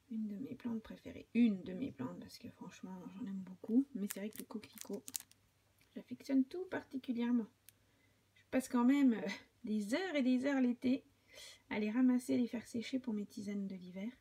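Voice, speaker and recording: A woman's voice: a little high, vocal fry, mellow, a little hiss or hum. A middle-aged French woman hosting a podcast, chatting casually as she unboxes a parcel, often half-whispering and gushing. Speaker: podcast host.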